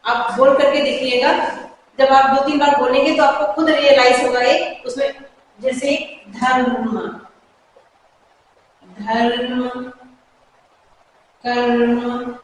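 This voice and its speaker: A high-voiced woman gives a pronunciation lesson and says each example word slowly, more than once. She sounds far from the mic, in a room with strong echo and a long reverb tail. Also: fairly even intonation, slight background noise. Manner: slow, repeats example words with care. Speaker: English teacher. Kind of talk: Hindi-medium pronunciation lesson.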